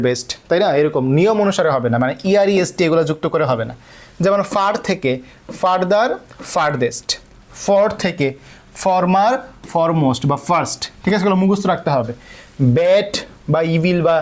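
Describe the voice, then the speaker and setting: A man with a Bangladeshi Bengali accent teaching an online grammar class. He explains step by step, keeps checking that students follow, and reads the English questions slowly. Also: fairly high pitch, darkish tone.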